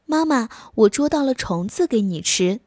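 A woman's voice: fairly high pitch, expressive, normal speed, darkish tone, dry recording, studio quality. A woman voicing an eager, loving little crow in a bedtime story.

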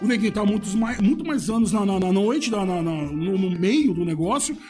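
Man, DJ, casual podcast chat, high voice, swears and laughs. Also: animated, brisk, dark tone, soft background music. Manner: loose, laughing, swearing storyteller. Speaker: DJ guest.

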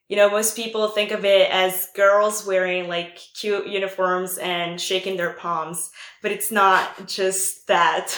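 A young adult woman from Italy, her Italian accent tinged American, answers interview questions casually as a guest and former exchange student. Her medium-pitched, fairly bright voice has a roomy sound, and she's chatty, using many fillers like "um" and "like".

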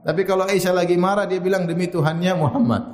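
A man giving a sermon, telling stories lively, quoting Arabic and joking. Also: high voice, fast. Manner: lively storytelling with Arabic quotes and jokes. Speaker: preacher. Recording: echoey hall.

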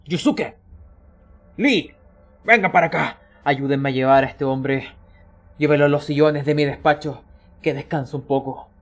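A man's voice: mid-range voice, fairly even intonation, moderate pace, darkish tone, husky, lightly acted. A man voicing a worried male museum director who calls out urgently for help.

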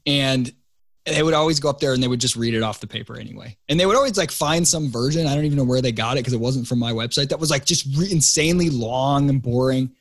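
A man's voice: medium pitch, fast talker, no echo. A man guesting on a podcast, telling a story and teasing his hosts in a playful, casual way.

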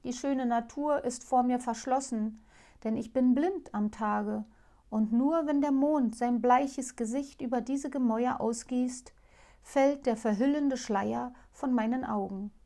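Woman voicing a sad enchanted owl princess, fairy tale, plaintive, gentle, formal, slightly high voice. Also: measured pace. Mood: mournful. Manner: plaintive, gentle, old-fashioned formal speech. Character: sorrowful enchanted princess turned owl, female.

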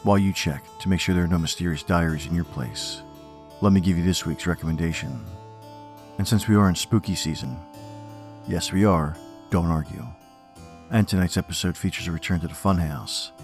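A man's voice: sits low, fairly quick. A man narrating as a horror host, scripted and playfully macabre, teasing the listener. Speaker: host of a horror storytelling podcast. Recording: music under the voice.

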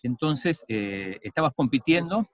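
A man's voice: medium pitch, expressive, a little slow. A man interviewing an athlete, telling a story in a chatty way with many fillers.

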